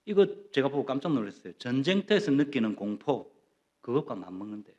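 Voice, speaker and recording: A middle-aged man preaching a sermon as pastor, telling homely personal stories in a lively, conversational way. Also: mid-range voice, fairly quick, lo-fi sound. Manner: animated, with playful personal stories.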